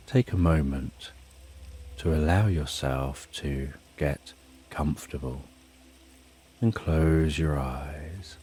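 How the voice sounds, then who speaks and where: A man narrating a sleep story as a slow, soothing, hushed guided relaxation, with soft music and rain behind him. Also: extremely low pitch. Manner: soothing, unhurried, hushed delivery.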